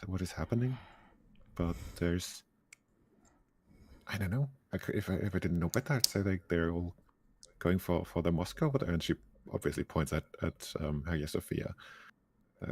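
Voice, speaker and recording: A man's voice: low-pitched, darkish tone, slightly rough, no echo, full character voice. A man voicing a chatty young cafe worker with a put-on Turkish accent, rambling with many fillers. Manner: rambling, hesitant, lots of fillers.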